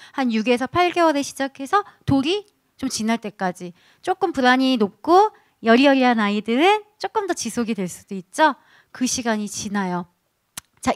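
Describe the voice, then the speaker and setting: A woman giving a lively parenting lecture, acting out what babies think. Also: mid-range voice, no room sound, clean studio sound. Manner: animated, acts out baby voices.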